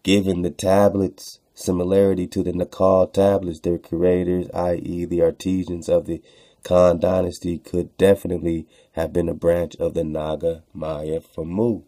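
The host of a radio program reads texts and comments on them informally, sounding rhetorical and preacher-like as he repeats phrases for emphasis. His low, mellow voice moves little in pitch, his speed is normal, and there's no room sound.

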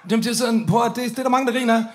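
A man's voice: very high-pitched, fairly even intonation, a little hiss or hum. A man performing a stand-up story on stage, swearing freely and acting out the drunk voices of the people in it. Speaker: comedian telling a story on stage.

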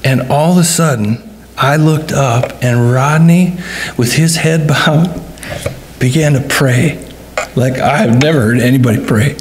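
A man's voice: mid-range voice, a little slow, a little hiss or hum. A middle-aged man, a pastor, preaching at a funeral service in a church, telling a story earnestly and voicing the dialogue in shifting tones. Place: church sanctuary.

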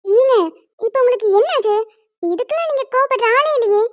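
Woman voicing a squeaky high young cartoon wife, sweet and pleading, fast talker, pitched up, muffled lo-fi sound. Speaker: voice actor. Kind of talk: homemade cartoon dubbing. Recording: dull lo-fi recording.

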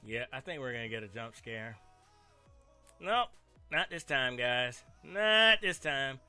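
A man's voice: medium pitch, lively intonation, unhurried, sharp tone. A man hosting a let's play with casual, playful gaming commentary, talking to the game and his viewers. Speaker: gamer host of a let's play. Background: game music.

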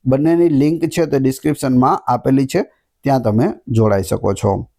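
A man's voice: mid-range voice, moderate pace, warm tone. A man teaching an exam-prep lesson, reading out each question and then giving its answer.

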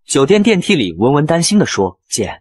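Fast, husky-voiced man narrating a manga recap. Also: a little high, very animated, a little mellow, no room sound, studio quality. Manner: brisk and playful.

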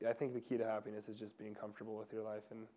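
A young man answering interview questions in a casual, soft-spoken way, with fillers and restarts, seated in an indoor lodge room. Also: lowish voice, little pitch movement, racing. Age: young adult. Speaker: pro skier interviewee.

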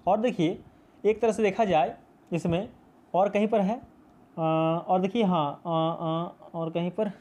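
A man's voice: high voice, slow pace, mellow. A male teacher explaining a poem in a class video, patient and repetitive, mixing English terms into his speech. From India.

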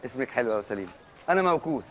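Gentle stranger, soothing and puzzled, quick and lilting, with faint street noise behind. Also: male voice, mid-range voice, sing-song, lo-fi sound. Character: calm stranger in a strange land named Mokos.

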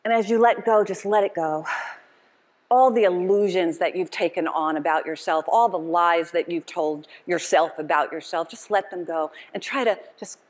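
Her voice sits on the low side and moves at a moderate pace, trailing a long reverb. Addressing an audience from an indoor conference stage, the middle-aged woman gives an emphatic, passionate motivational keynote with call and response, echoing phrases the way a preacher would.

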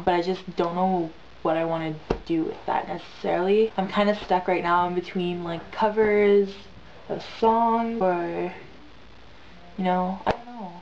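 Sitting on her bed in a small bedroom, a sick young vlogger with a stuffed-up nose chats to camera, slangy and rambling, hammering points through repetition. Her voice is fairly low and a little mellow. The camera's built-in mic, held at arm's length, gives dull lo-fi sound with slight noise.

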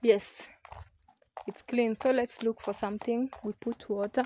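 A young woman chats casually, pitched a little high, as she strolls about a farm. She records on a phone held at arm's length in the open air. Faint noise sits under her voice. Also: steady tone, measured pace, mellow. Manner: chatty, walks while showing the farm. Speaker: village life vlogger. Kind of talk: casual vlog narration. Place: outdoors on a rural farm. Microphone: phone camera held at arm's length.

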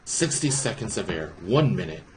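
A young man giving low-key, casual gameplay commentary, muttering his thoughts aloud as he plays. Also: very animated, normal speed. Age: young adult. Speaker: gamer playing on camera. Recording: very noisy, game ambience behind.

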